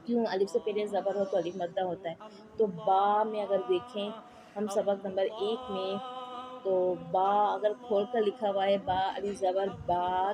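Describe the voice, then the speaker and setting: Slow, patient woman teaching Quran reading. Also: medium pitch. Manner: patient, repeats points and keeps asking "ठीक है?". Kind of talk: slow explanatory lesson with spelled-out drills.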